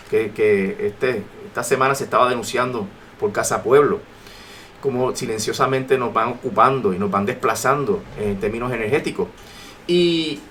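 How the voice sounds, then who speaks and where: On a noisy AM talk radio recording, a guest from Puerto Rico argues politics emphatically in his Puerto Rican accent, driving points home by repeating phrases. His voice runs on the high side and is a bit bright.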